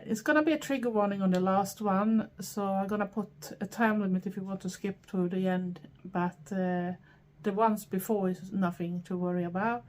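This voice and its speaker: A middle-aged woman from Sweden with a Swedish accent, talking in a chatty, rambling way with frequent pauses. She answers viewer questions for her own channel. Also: medium pitch, darkish tone. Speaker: vlogger. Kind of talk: casual Q&A chat to camera.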